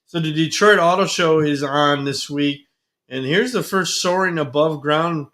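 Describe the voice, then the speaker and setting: A man with a bright, forceful voice, talking loosely in a casual chat. He co-hosts the show and rambles, often trailing off mid-thought. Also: fairly high pitch, unhurried. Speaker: podcast co-host.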